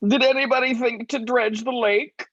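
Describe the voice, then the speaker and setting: A woman's voice: a little high, steady tone, moderate pace, no echo, close to an everyday voice. A woman playing the worn-out mayor of a spooky town in a script read-through, slightly muffled. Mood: feeble.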